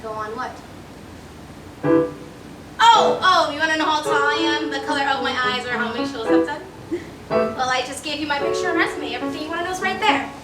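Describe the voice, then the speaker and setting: A woman's voice: high-pitched, expressive, fairly quick, long pauses. A woman playing a defensive, wisecracking young dancer, on a school stage. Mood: sassy, nervous. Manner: sassy, defensive. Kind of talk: stage musical acting. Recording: echoey stage, distant mic, music behind.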